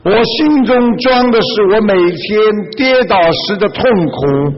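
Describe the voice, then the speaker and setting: A man's voice: high-pitched, animated, a little hiss or hum, pitched above the performer's own voice. Man doing a pleading weary young man. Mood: plaintive. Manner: plaintive, pleading, rushed. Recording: dull reverberant lo-fi recording.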